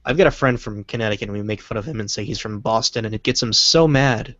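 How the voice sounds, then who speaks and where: A man's voice: lowish voice, fast talker, fairly bright tone, no room sound, lo-fi sound. A man co-hosting a casual livestream, reading out questions and teasing his partner with dry remarks. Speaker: co-host asking questions.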